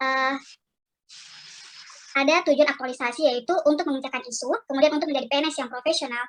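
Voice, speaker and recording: A woman teacher presenting her project plan in a formal exam over a video call, her voice disguised by a voice changer. She moves quickly through her slides with many "nah" and "di sini" fillers. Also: sits high, a bit bright.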